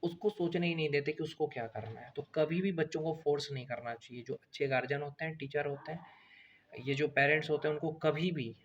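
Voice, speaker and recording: A man's voice: a little high, a little fast, dull audio, a little hiss or hum. A man giving earnest, preachy advice in a monologue and repeating phrases for emphasis. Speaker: motivational video speaker.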